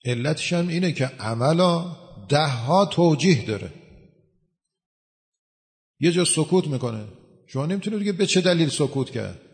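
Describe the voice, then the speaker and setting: Male cleric, gravelly voice, explanatory sermon, long hall reverb. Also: fairly high pitch, lively intonation, pauses often. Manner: explanatory, uses everyday examples. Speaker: cleric answering questions. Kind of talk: religious talk to a gathering.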